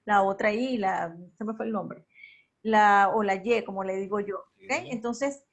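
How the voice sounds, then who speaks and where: A woman teacher lecturing an online class on spelling and accent marks, often checking in with a quick question and correcting herself mid-sentence. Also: medium pitch.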